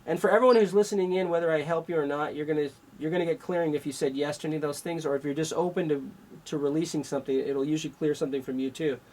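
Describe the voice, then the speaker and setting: Higher-voiced man leading a healing session. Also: steady tone, rapid-fire, few pauses, darkish tone, poor audio. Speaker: energy healer on radio show.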